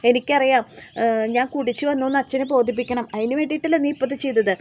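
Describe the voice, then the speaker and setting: A woman's voice: high-pitched, fast talker, darkish tone, natural voice. A woman voicing a defiant husband who drinks, in her own plain voice while retelling a serial scene. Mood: resentful.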